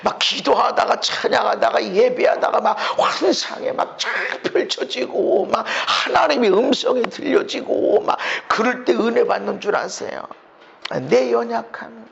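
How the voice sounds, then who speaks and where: A male pastor preaching with a very high, gravelly voice, and he often climbs into impassioned shouts as he acts out inner voices. The recording is dull and lo-fi. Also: measured pace. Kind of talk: sermon.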